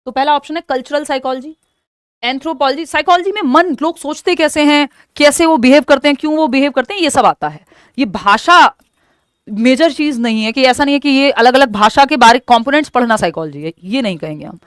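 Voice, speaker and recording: A woman's voice: high-pitched, a little fast, no room sound, clean studio sound. A woman teacher, explaining exam questions step by step and mixing English terms into her speech. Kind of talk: exam-prep lesson.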